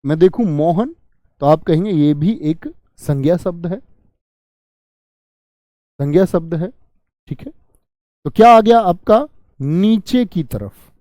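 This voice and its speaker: A man's voice: on the high side, lively intonation, a little slow, pauses often, dark tone, dry recording, studio quality. A man teaching an online grammar class. He keeps asking his students questions and then answers them himself. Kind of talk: online exam-prep grammar lesson.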